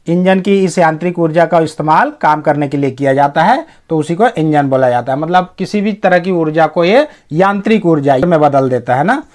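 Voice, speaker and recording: A man's voice: fairly high pitch, darkish tone. Man teaching English reading in Hindi. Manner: explains word by word, reads English lines slowly and carefully.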